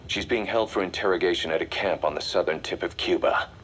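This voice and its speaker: An actor playing a military intelligence strategist in a video game, delivering a grave, deliberate, commanding briefing. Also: male voice, low-pitched, fairly bright tone, slightly rough. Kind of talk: video game voice acting, mission briefing dialogue.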